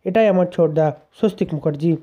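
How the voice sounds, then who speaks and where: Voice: mid-range voice, fast talker, dark tone, breathy edge, dull audio, natural voice. A narrator reading the lines of an earnest young woman insisting that her brother is alive. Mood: insistent.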